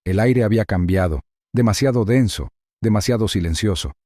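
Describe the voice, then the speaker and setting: A man giving measured, suspenseful scripted narration of a thriller story. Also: on the low side, darkish tone, dry recording, studio quality.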